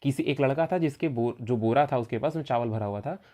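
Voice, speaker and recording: A male teacher walks students through an exam-prep vocabulary lesson at a steady, mid-range pitch. He keeps asking questions and answering them himself. He drills each point through repetition. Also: brisk.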